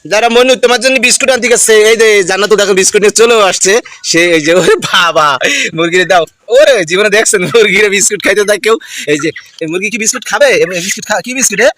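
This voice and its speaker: A man's voice: high voice, quick pace, fairly bright tone, no echo. A man teasing a child and talking to viewers in a playful family vlog. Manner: teasing, addresses viewers directly. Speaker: vlogger filming a child.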